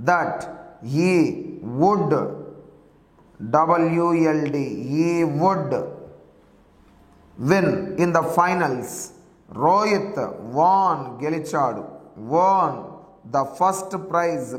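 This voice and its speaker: A male teacher giving an exam-prep grammar lesson. He spells words out letter by letter and repeats the key terms. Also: a little high. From Andhra Pradesh, India. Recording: echoey room with long reverb.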